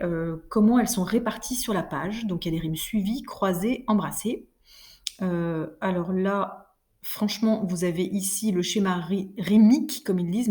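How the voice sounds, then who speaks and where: A woman teaching a French class in a recorded online lesson, explaining patiently with many fillers and reading verse slowly. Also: medium pitch, dark tone.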